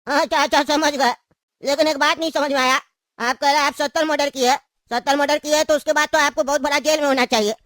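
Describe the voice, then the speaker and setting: A woman voicing a sharp-tongued old man in a jail cell who scolds and needles the others. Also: high voice, fairly even intonation, fast, no echo, clean studio sound. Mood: needling. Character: old male cellmate, sharp-tongued uncle. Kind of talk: cartoon voice acting.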